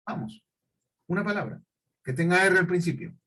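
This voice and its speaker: Man, teacher, classroom lecture, husky voice, fairly high pitch, slow deliberate explaining. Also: lively intonation, fairly bright tone, low-quality recording. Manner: questioning, repetitive explanations with check-ins.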